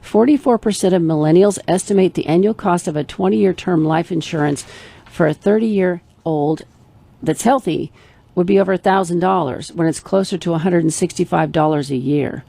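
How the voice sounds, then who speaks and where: A woman's voice: fairly low pitch, moderate pace, creaky, warm tone, no echo. A middle-aged woman co-hosting a radio show, chatting in a rambling, emphatic way. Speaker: radio show co-host, financial planner. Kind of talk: casual radio chat.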